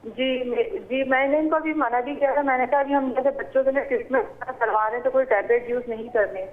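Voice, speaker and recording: A woman's voice: sits high, fairly even intonation, brisk. A woman calling in to a TV show, rambling and often saying "ji" as she explains. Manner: rambling, repeats "ji". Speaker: caller. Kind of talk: phone call to a TV show. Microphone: phone. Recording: tinny phone line.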